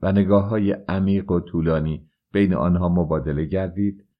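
A man reading a novel aloud as an audiobook narrator, in a steady, measured manner. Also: low voice, lo-fi sound. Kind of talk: scripted narration.

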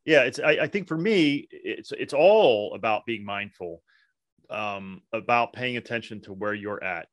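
A man's voice: on the low side, lively intonation, a little slow, no room sound, clean studio sound. Conversational male podcast co-host. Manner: thoughtful, asks questions. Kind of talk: casual podcast chat.

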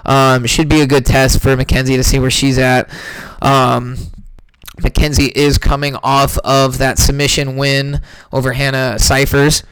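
A man talking through an upcoming fight card in a loose, rambling way, stumbling over his words and correcting himself constantly. His voice sounds smooth and resonant. The recording is dry and close, with no room sound around him. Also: medium pitch, level tone, a little slow, fairly bright tone, no room sound, rough recording. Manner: rambling, many fillers and self-corrections. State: hiccups. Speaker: MMA podcast host. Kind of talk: casual fight breakdown.

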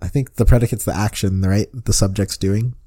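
A man's voice: on the low side, fairly even intonation, a little fast, mellow. A young American man in casual chat, talking like a frat bro in loose slang with plenty of swearing. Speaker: podcast co-host.

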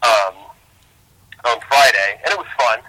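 A man's voice comes through a speakerphone call, thin and very bright. He chats loosely as a podcast co-host, laughing easily and stumbling through fillers and restarts. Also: mid-range voice, lively intonation, measured pace, poor audio. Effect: heard over a speakerphone call. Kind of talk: casual chat.

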